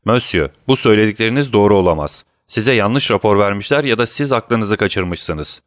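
An imperious aging king of France snaps out questions and orders, as a male narrator puts him on. His voice sits higher than the reader's own and is pushed with force. The sound is dry and close. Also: animated, normal speed, dry recording, natural voice. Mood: imperious, alarmed. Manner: commanding, sharp questioning.

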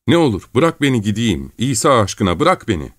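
A man voicing a frightened, pious young peasant who begs tearfully in a high voice. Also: very animated, fairly quick, no room sound, studio quality, natural voice. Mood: pleading. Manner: tearful, begging, voice climbing high.

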